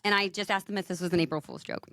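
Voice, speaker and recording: A woman's voice: mid-range voice, fairly even intonation, very fast, a bit bright, no room sound, studio quality. A young woman co-hosting a podcast, rambling and self-deprecating in casual chat. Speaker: podcast co-host.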